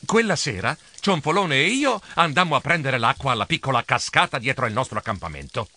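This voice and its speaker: A man narrating a children's audiobook in a playful, animated storytelling manner. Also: fairly high pitch, a little fast, no room sound.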